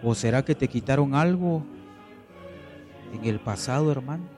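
A man preaching a sermon at a church service, slow and emphatic, repeating phrases and swinging between loud declarations and hushed pleading. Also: mid-range voice, lively intonation, faint music behind. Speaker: pastor.

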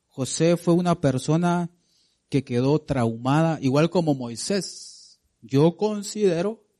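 A man delivers a sermon to a congregation, his voice a touch high yet warm and mellow. He keeps calling his listeners brother and sister and throws rhetorical questions at them, climbing to loud peaks and dropping back soft again. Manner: swings between loud climbs and soft drops. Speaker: preacher. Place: church congregation.

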